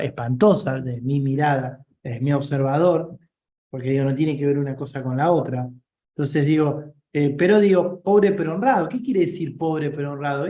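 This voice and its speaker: A man's voice: a little high, mellow, reverberant. A man with a Rioplatense Spanish accent, giving an informal leadership coaching class and checking in often with his listeners.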